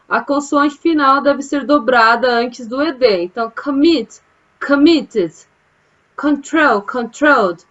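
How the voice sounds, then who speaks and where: A woman's voice: high voice, a bit bright, dull audio. A woman English teacher from Brazil giving a casual online grammar lesson from home, explaining patiently and checking in with her students often. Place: home, during quarantine.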